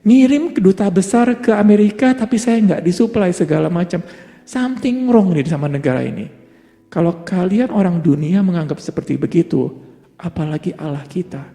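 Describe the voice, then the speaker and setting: A man's voice: high-pitched, expressive, normal speed, vocal fry, warm tone. A man preaching a sermon, asking rhetorical questions and answering them himself, building to emphatic peaks and dropping English words into his talk. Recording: long hall reverb with faint music behind.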